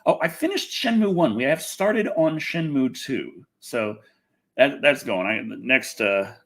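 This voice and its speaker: A man with a medium-pitched voice speaks at a measured pace while hosting a casual livestream about gaming and movie news. He rambles in an animated way, often cutting himself off mid-thought.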